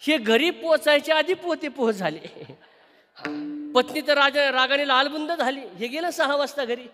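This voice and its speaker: A man's voice: very high-pitched, normal speed, pushed and bright, in a large hall, soft background music. A man preaching a devotional kirtan sermon, singing verses and telling a story while quizzing his audience. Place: live kirtan gathering.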